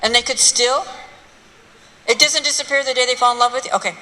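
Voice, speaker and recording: A woman speaks to a live audience in a lecture hall. Her voice is bright and forceful, and she talks bluntly, with rhetorical questions and mocking asides. The sound rings with long reverb and faint room noise around it. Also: fairly high pitch, steady tone, fairly quick. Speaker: speaker giving a talk on race.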